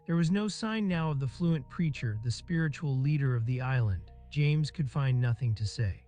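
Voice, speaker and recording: Mellow measured male narrator. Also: mid-range voice, soft background music. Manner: steady, measured reading. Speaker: audiobook narrator. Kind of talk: scripted narration.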